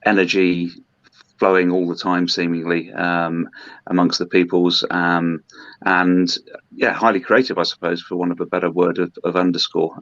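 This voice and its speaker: Man, brewery rep, deep flat delivery, halting speech, dull lo-fi recording. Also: dry recording. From Hong Kong. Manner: hesitant, many ums and restarts. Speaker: brewery representative. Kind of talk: podcast interview. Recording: dull lo-fi dry sound.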